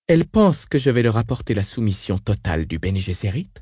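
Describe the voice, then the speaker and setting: A man's voice: lowish voice, sing-song, quick pace, a little mellow, slightly rough, dry recording, studio quality. A man reading the part of a cold, commanding female leader who speaks in an icy, controlled way.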